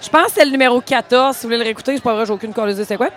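A woman with a Quebec French accent, co-hosting a podcast and telling animated stories in casual chat. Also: a little high, racing. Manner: animated storyteller, chatty filler "là". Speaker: podcast co-host.

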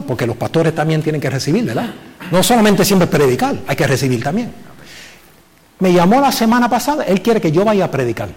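A male pastor preaches with lively emphasis and rhetorical questions, slipping English words into his Spanish. His voice sits a little high for a man. The sermon rings out in a church hall with a long reverb. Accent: Puerto Rican Spanish from the US Northeast. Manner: animated preaching, rhetorical questions, code-switching with "so". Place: church sanctuary.

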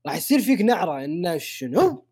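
A man's voice: high voice, sing-song, fast, warm tone, breathy edge. A man co-hosting a casual podcast, posing questions with a teasing manner. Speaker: podcast co-host.

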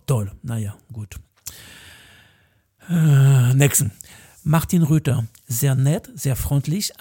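A man, a dog trainer hosting a podcast, giving opinionated commentary in a loose, halting way with sarcastic asides. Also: medium pitch, warm tone, breathy edge. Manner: loose, halting phrasing with restarts. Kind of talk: casual spoken commentary.

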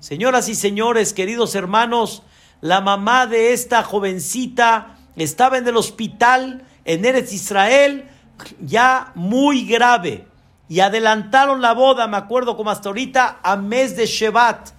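High-voiced rabbi telling a story. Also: male voice, a little slow, a bit bright. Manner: dramatic storyteller, voices the women in his story. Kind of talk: sermon storytelling.

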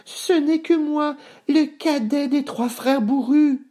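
A man voicing a small, timid young billy goat in a storybook, squeaky and pleading. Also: takes it slowly, warm tone.

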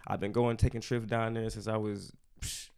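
A young man from Michigan, a podcast guest in casual chat who tells animated stories and acts out quotes. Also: fairly low pitch, normal speed, vocal fry, smooth. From Lansing, Michigan.

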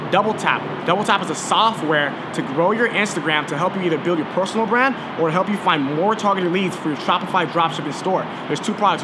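A man's voice: fairly high pitch, very noisy. A nineteen-year-old man hosting a podcast in a casual monologue, hyped and salesy, swearing freely. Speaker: podcast host.

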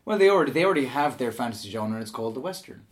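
Fast-talking man rambling explanations. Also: mid-range voice, animated, very noisy. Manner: rambling, explains at length with restarts. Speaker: podcast co-host. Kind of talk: casual chat.

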